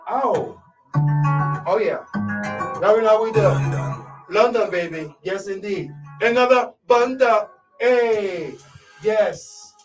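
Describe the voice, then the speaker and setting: A man from Côte d'Ivoire hosting a live radio show, hyping listeners and filling every pause with "you know what I'm saying". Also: high voice, recorded from a distance, over music, low-quality recording. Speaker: radio host.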